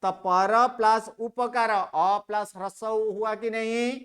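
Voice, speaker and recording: A teacher giving a classroom grammar lecture, constantly quizzing students and slowly repeating their answers back. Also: medium pitch, fairly even intonation, a crowd in the background.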